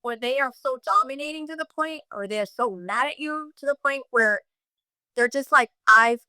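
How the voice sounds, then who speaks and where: Bright, smooth-voiced woman telling her story. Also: high voice, no echo. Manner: emotional, halting, with many restarts and quoted speech. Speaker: guest sharing her story. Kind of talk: personal storytelling in a podcast conversation.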